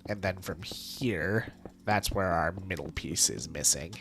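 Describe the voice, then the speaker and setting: A man's voice: low voice, measured pace, fairly bright tone, a little hiss or hum. Stuffy-nosed man chatting on a game stream. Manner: chatty, laughs often, greets viewers. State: stuffed up from allergies. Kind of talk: casual live-stream chat while gaming.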